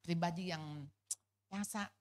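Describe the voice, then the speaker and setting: A middle-aged woman from gives a personal testimony at a church couples' fellowship, telling it in a lively, casual way with colloquial asides. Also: lowish voice, slow. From Jakarta.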